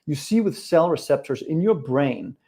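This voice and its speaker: The middle-aged coach from Denmark, Danish accent and all, talks at normal speed in a mellow, animated voice that's a little high. His live webinar is upbeat and direct, aimed squarely at his viewers and their chat messages.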